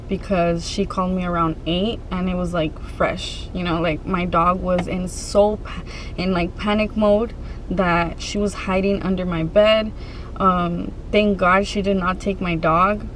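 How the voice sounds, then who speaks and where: A woman's voice: lowish voice, poor audio. Casual woman vlogger with noticeable background noise. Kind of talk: casual storytime chat to viewers.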